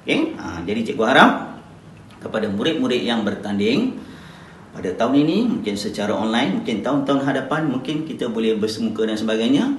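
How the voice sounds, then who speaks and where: A Malaysian-accented male teacher coaching pupils, his pitch swinging widely as he shows off intonation. He sounds set back from the mic in an echoing room. A faint hum of ambience sits behind him. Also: fairly quick. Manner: animated, demonstrates speech intonation. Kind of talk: spoken tips lesson to pupils. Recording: roomy, distant mic, faint ambient noise.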